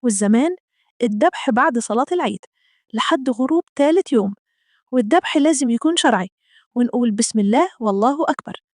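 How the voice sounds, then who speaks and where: Woman as an egyptian mom, exasperated, patient explainer, high voice, dry close sound. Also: animated, quick pace, a little mellow, no room sound, natural voice. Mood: tender. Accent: Egyptian Arabic. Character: scolding then tender mother, middle-aged.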